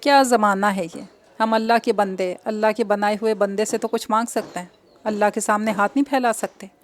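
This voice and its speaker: A woman reading an audio novel in an even, measured storytelling voice. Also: mid-range voice, a little hiss or hum. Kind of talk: scripted narration of an audio novel.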